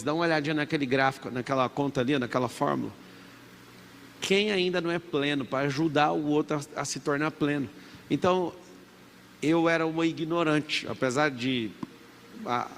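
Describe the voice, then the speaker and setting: Gravelly Brazilian man preaching to a crowd. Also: fairly high pitch, a bit bright. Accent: Brazilian Portuguese. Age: 30s. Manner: emphatic, preachy, has the crowd repeat after him. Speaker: motivational speaker. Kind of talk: motivational talk to a live audience. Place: large event hall. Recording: reverberant event hall with faint background noise.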